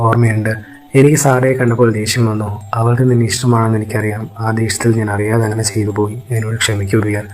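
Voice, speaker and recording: A man's voice: on the low side, flat delivery, fast, close to an everyday voice, low-quality recording. A man voicing a desperate, unstable young woman who pleads in a storytelling recap. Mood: remorseful.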